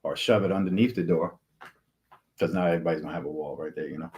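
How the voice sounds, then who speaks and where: A man's voice: low voice, quick pace, a little mellow. A man co-hosting a livestream, joking loosely and swearing casually. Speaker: livestream co-host. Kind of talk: casual live chat.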